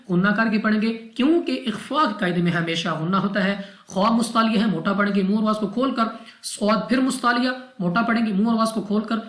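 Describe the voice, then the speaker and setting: Methodical woman teaching recitation, roomy echo. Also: medium pitch. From Pakistan. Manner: methodical, repeats rules step by step. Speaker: Quran teacher. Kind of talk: tajweed lesson explanation.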